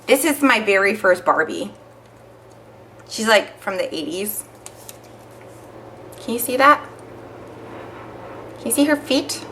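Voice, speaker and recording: A young woman chatting to the camera as a vlogger, telling stories with lots of fillers in an animated way. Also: mid-range voice, takes it slowly, long pauses, a little hiss or hum. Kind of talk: casual chat to camera.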